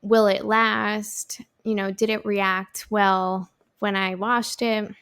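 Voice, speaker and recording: Woman in her 30s doing a solo podcast, slow and chatty with lots of ums, bit of vocal fry. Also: medium pitch. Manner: chatty, lots of fillers and restarts, upbeat. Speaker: podcast host.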